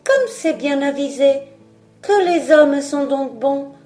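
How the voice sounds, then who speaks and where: A woman's voice: high voice, expressive, slow pace, darkish tone, soft background music, voice pushed up. A woman voicing a proud young fir tree who muses wistfully about his past. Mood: musing. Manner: wistful, self-assured musing.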